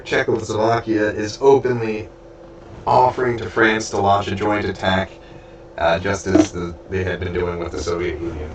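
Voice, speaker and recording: A stuffy man who is losing his voice reads a book aloud as an audiobook reader and streamer, adding spoken asides in a lowish voice. He's halting, stumbling over names and restarting words. The recording sounds roomy and distant from the mic, with faint background hiss.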